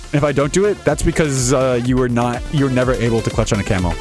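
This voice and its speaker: A man's voice: mid-range voice, quick pace, over music. A young man giving casual, jokey, rambling commentary while playing a video game. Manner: rambling, jokey, laughs often. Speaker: gaming YouTuber.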